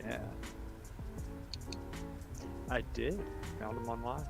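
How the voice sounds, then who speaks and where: A man's voice: mid-range voice, moderate pace, gravelly, loud music behind the voice. A man chatting casually on a livestream, rambling along in loose, unplanned sentences. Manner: rambling, with fillers and restarts.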